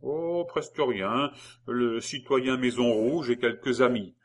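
A man voicing a gruff male revolutionary patriot who brags and blusters to please his betters. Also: mid-range voice, slow. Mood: boastful.

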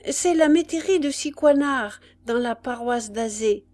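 A woman's voice: on the high side, a little slow, darkish tone, voice pushed up, natural voice. A woman voicing a frightened, ragged young peasant mother who answers hesitantly. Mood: timid. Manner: timid, hesitant replies.

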